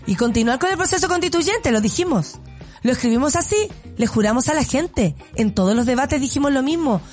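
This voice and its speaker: A woman's voice: sits high, expressive, brisk, a little mellow, faint music behind. A woman with a Chilean accent hosting a radio show, giving blunt, sarcastic commentary and laughing often. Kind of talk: casual opinionated radio commentary.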